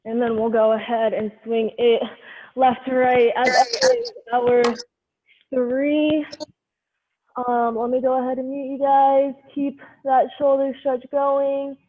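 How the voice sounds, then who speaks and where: She cues a live exercise class one move at a time, giving firm directions while taking it slowly in a high-pitched, even tone. The headphone microphone gives a muffled, lo-fi sound with lots of lingering reverb.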